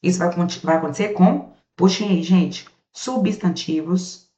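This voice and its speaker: Brazilian woman, grammar teacher. Chatty, talks straight to the class, spells sounds slowly. Recorded on a camera, roomy and a bit dull. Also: on the low side, warm tone. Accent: Brazilian Portuguese. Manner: chatty, calls students "gente" and "amores", asks questions for them and answers them. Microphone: camera set up in front of her.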